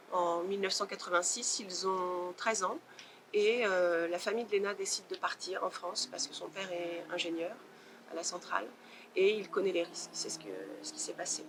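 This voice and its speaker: A woman novelist answering interview questions in a thoughtful way, pausing often to search for her words. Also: lowish voice, steady tone, a bit bright, a little hiss or hum.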